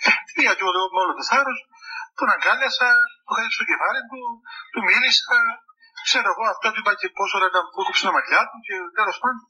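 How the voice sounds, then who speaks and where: A man with a Cypriot Greek accent, a monk preaching a sermon full of funny stories, with many halting restarts. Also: high voice, bright, forceful tone, husky, poor audio. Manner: storytelling, chuckling, halting restarts. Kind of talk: humorous sermon talk with anecdotes.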